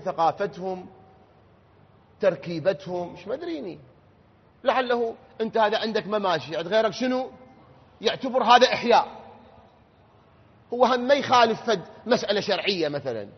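A man with an Iraqi accent giving a religious lecture, going from quiet explanation to loud, emphatic questions. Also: high voice, big pitch swings, fairly quick, pauses often, breathy edge. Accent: Iraqi Arabic. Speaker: cleric. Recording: lo-fi with long hall reverb.

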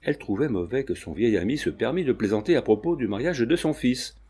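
A man narrating a classic novel as an audiobook, in a measured, even reading. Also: medium pitch, husky.

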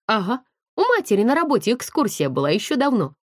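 A brash, gossipy young student girl, as a woman reads her out in an audiobook, blunt and teasing with coarse slang. Her pitch leaps up and down constantly. The recording is dry and close, with no room sound. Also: huge pitch swings, fast talker, no room sound. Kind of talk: audiobook character voice.

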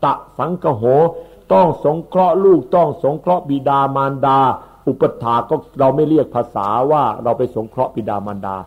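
A man, a monk, giving an unhurried Dhamma sermon that explains Pali terms and repeats his words. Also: a little high, animated, breathy edge. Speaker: Buddhist monk. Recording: tinny phone-like recording.

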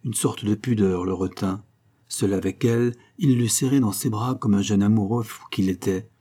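A man narrating a classic novel as an audiobook, in a measured storytelling manner. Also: on the low side, dark tone.

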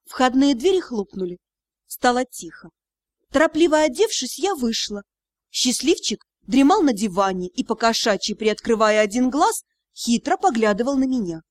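A woman narrating an audiobook in the first person, with a lively, expressive reading. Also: fairly high pitch, normal speed, no room sound, studio quality.

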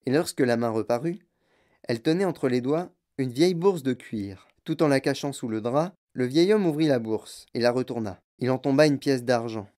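An audiobook narrator telling a children's story at an even, measured pace. The voice sits at a middle pitch and keeps a steady storytelling flow.

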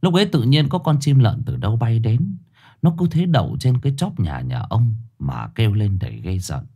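A man narrating a ghost story in a dramatic, expressive way. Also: medium pitch, moderate pace, breathy edge. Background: soft background music.

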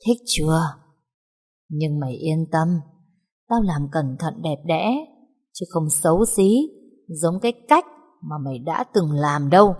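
Woman voicing a cruel female ghost, slow cold taunts, low voice, horror audiobook. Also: animated, a little mellow, long reverb tail. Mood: cold taunting.

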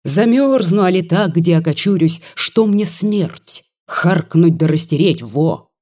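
A reader voicing a bitter, defiant crippled young peasant man with rough, scornful rustic speech, in an audiobook reading. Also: medium pitch, animated, unhurried, a little mellow.

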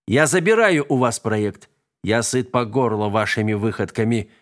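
A man voicing a pompous, indignant middle-aged boss in an audiobook, his voice shrill and outraged. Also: expressive, moderate pace, lightly acted.

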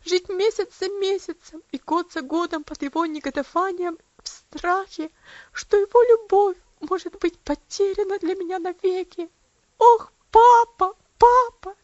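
A woman's voice: very high voice, a little mellow, dry recording, dull audio, voice pushed up. A woman reader voicing a devout, loving young girl who cries and pleads in a trembling voice. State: crying.

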